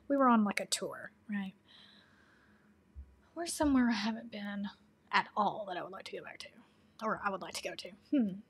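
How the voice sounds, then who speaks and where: A woman with a Tennessee Southern accent hosts a casual livestream, chatting away as she answers viewer questions. Her voice is mid-range, she laughs often, and she slips into soft asides.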